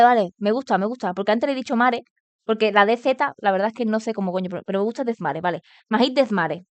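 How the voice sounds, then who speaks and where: A woman's voice: medium pitch, dry recording. Woman, Spain Spanish accent, book club host, reads aloud and chats, resonant, dry sound. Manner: slangy and laughing in asides, steady when reading, corrects her own slips. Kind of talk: reading a novel aloud on a livestream, with casual asides. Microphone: streaming mic.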